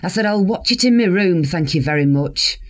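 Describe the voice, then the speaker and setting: A woman's voice: lowish voice, lively intonation, fairly quick. An actress playing a weary, defiant sixty-year-old woman in care, telling her story in a blunt, wry dramatic monologue. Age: 60s.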